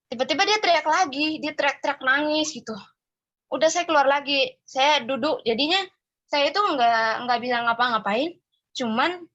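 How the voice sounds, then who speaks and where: A woman's voice: medium pitch, fairly bright tone, dull audio. A young woman from Sumba, Indonesia, calling in to share a personal testimony in a casual storytelling way, with many fillers. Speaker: caller sharing a testimony.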